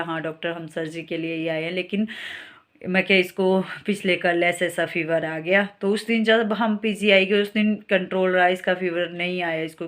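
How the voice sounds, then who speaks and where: Worried woman with a flat voice. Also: lowish voice. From Himachal Pradesh, India. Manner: worried, rambling storytelling. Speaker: vlogger. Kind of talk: casual vlog talk.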